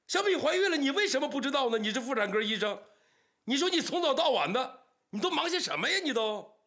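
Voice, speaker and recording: An actor playing an older man, an anxious father who longs for grandchildren, lamenting and sometimes shouting. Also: sits low, big pitch swings, moderate pace, creaky, slightly rough, heavily acted. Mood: angry. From Northeast China. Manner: lamenting, bursts into angry shouting.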